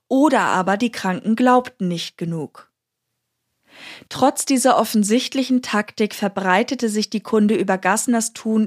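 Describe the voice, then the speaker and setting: A woman narrates a historical account with calm, measured delivery. Her voice sits at an ordinary middle pitch. It is scripted storytelling.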